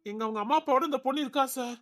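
A woman's voice: sits high, racing, natural voice. A woman voicing a deferential assistant who politely explains things to her boss, in an amateur audio drama.

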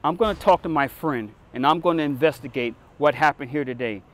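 An actor playing a firm, middle-aged off-duty police captain in a drama, with a commanding, measured and dry manner. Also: male voice, on the high side, lightly acted. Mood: calm authority. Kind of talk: acted drama dialogue. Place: outdoor parking lot.

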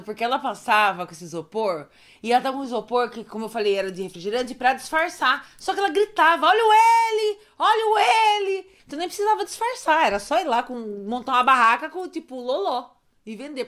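A woman's voice: a little high, a bit bright. A woman casually recapping funny moments, chatty, with asides to viewers and frequent fits of giggles. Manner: giggly, often breaks into laughter. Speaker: storyteller recapping roleplay streams.

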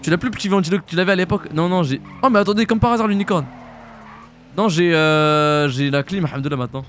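A young French man streaming a roleplay game, chatting casually in slang and jumping into high shouts. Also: a little hiss or hum. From France. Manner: casual slangy banter, quick jumps to high-pitched shouts. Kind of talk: live-stream roleplay chat.

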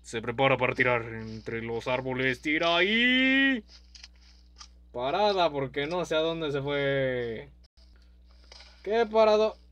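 A young man giving playful, goofy let's-play commentary, breaking into sudden yells and silly meowing. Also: mid-range voice, lively intonation, a little slow, highs cut off. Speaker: gaming youtuber.

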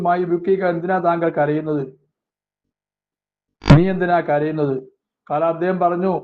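A man teaching a religious text class. He reads Arabic phrases slowly, then explains each one quickly. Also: fairly high pitch. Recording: tinny phone-like lo-fi sound.

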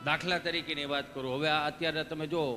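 Bright, high-voiced folksy stage comedian. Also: male voice, little pitch movement, fast. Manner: folksy storytelling, asks the audience questions, acts out dialogues. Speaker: stand-up comedian. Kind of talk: live Gujarati folk comedy (dayro). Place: live stage show before an audience. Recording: stage hall reverb with faint music.

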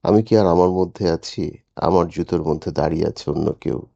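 A man's voice: low voice, fairly quick, vocal fry, dark tone, no echo, lo-fi sound. A man voicing a confused old man, muttering in bewilderment in an audiobook. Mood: bewildered. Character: confused old man who lost twenty years.

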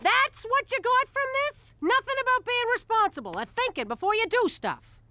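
A woman's voice: very high voice, very animated, normal speed, pushed and bright, dry recording, heavily acted. A woman voicing a brash, exasperated, nagging mother in an adult cartoon.

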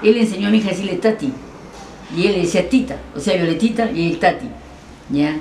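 An older woman from Peru tells stories at a rapid clip, slipping into other people's voices. Her voice sits fairly low. The room is echoey, with a faint background hum. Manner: lively, acts out voices in her anecdotes. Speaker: interviewee, former TV presenter. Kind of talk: animated storytelling interview.

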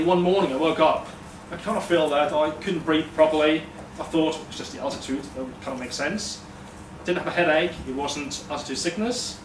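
Speaking at a storytelling event, a Danish man in his thirties recounts a personal story to a live crowd in a fairly high voice, chatty, self-deprecating and full of ums. The setting is a small brick-walled room indoors, and a far room mic leaves the sound echoey, distant and noisy.

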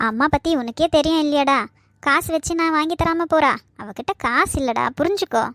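A woman's voice: sits high, a little fast, a bit bright, no echo. A woman voicing a patient grandmother in a cartoon, coaxing and soothing.

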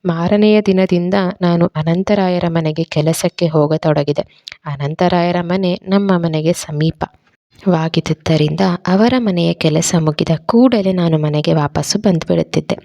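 Woman storyteller, steady measured reading, dark tone, dry. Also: fairly low pitch, no room sound, dull audio.

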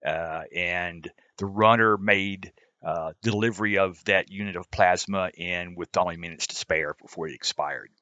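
Low, forceful man, rescue team member; halting delivery with frequent fillers, dry mic. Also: dry recording, dull audio. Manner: many fillers and restarts. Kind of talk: roundtable discussion.

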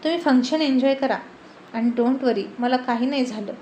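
A woman's voice: high-pitched, moderate pace, a little mellow, a little hiss or hum, lightly acted. A woman voicing a wounded young man who hides a bitter wish for revenge. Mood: humble. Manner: humble outwardly, bitter underneath.

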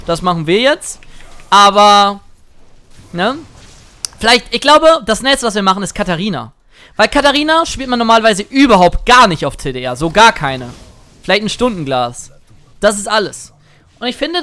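A young man chatting excitedly through live gameplay commentary as a streamer, now and then singing or shouting at a play. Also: high-pitched, clear, resonant tone. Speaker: gaming streamer.

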